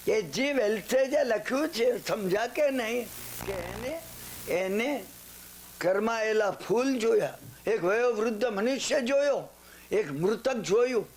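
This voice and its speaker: Older preacher, very high voice, emphatic and questioning, faint tape hiss. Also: male voice, animated, a little slow. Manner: emphatic, swings between low and high exclamations, asks the audience questions. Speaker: Jain religious speaker. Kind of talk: sermon.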